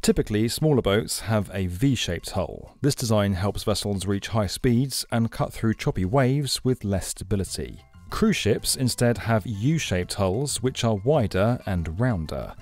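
A man giving scripted documentary narration in a clear, explanatory, lightly conversational way, recorded as a studio voice-over. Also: lowish voice, lively intonation, unhurried, a little mellow, no room sound, faint music behind.

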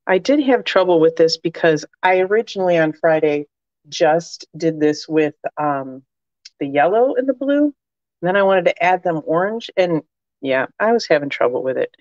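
A chatty woman demonstrates crafts on a live stream, her voice a bit low. She has a slight cold and talks around a cough drop. The sound is dry and a little dull, like a home recording. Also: no echo. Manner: chatty, warm, many fillers and asides to viewers.

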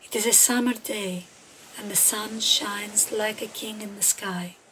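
This guided meditation narration comes from a woman with a medium-pitched, steady voice who speaks slowly and gently, pausing often with deliberate phrasing. The recording carries clear ambient background noise.

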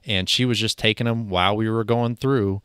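Wry, low-voiced man podcast host. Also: fairly even intonation, moderate pace, fairly bright tone, smooth, no room sound. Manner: dry, wry remarks. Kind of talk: casual newsroom chat. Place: studio.

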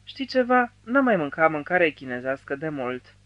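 A man's voice: on the high side, big pitch swings, dull audio. A male narrator voicing a weary, withdrawn husband who protests reluctantly, in an audiobook.

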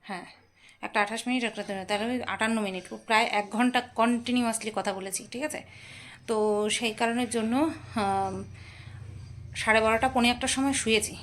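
A woman's voice: on the high side, steady tone, moderate pace, pauses often, slight background noise, poor audio. A woman chatting casually to her viewers in a home vlog, tired after little sleep. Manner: chatty, addresses viewers directly. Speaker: home vlogger. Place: home, indoors.

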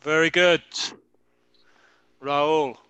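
A man teaching English grammar in Spanish to students on a video call, slowly repeating example sentences to model pronunciation. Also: fairly high pitch, fairly even intonation, sharp tone, smooth, dry recording, lo-fi sound. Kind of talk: online class explaining grammar.

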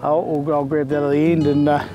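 A man's voice: a little high, monotone, fairly quick, muffled recording, music in the background. A middle-aged man with a broad New Zealand accent, a fisherman chatting casually and understatedly outdoors. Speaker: local eel fisherman. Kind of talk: casual chat. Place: open grassy wetland, outdoors.

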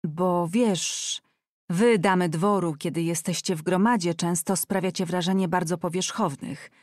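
A woman reading an audiobook voices a kind, frank young man who speaks calmly and persuasively. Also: lowish voice, unhurried, dry recording, studio quality, natural voice. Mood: earnest.

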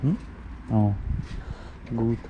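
A man's voice: medium pitch, very slow, narrow, tinny audio, a little hiss or hum. A man chats casually as a motovlogger, speaking from inside his motorcycle helmet. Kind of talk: casual chat. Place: outdoors on a motorcycle.

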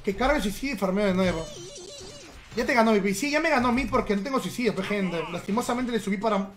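A man's voice: high voice, fast. A man giving casual, teasing live-stream commentary while he plays and chats with his viewers. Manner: playful, teasing, chatty with viewers. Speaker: game streamer.

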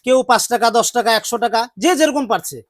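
A man from West Bengal hosting a charity vlog, calming someone with repeated gentle urging. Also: very high-pitched, quick pace, no room sound. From West Bengal, India. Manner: soothing, repetitive coaxing. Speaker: charity vlogger. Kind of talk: casual vlog talk.

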